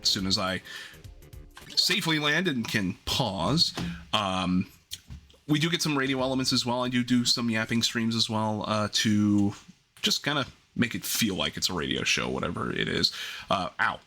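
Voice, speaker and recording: A man's voice: fairly low pitch, expressive, moderate pace, sharp tone, faint music behind. A man hosting a livestream in casual gaming chat, rambling and often interrupting himself as he gets sidetracked. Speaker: livestream host.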